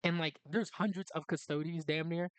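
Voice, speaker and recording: Bright excitable young man, casual chat. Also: on the high side, normal speed, clear, resonant tone, no echo. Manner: excitable slang-heavy banter. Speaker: co-host.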